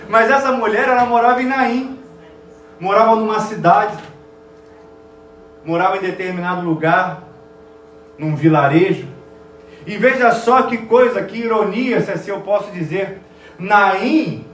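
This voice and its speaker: A high-pitched man preaches with emotion, dropping his voice on key words. He is heard from a distant mic. The room is echoey, with a faint hum behind. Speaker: pastor. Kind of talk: sermon. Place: church sanctuary.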